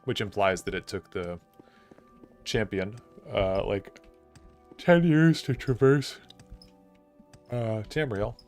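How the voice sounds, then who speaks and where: Streaming a game live, a young man answers his chat in a lowish, darkish voice, speaking slowly and pausing often. Faint music plays behind him as he muses aloud casually, leaning heavily on "like."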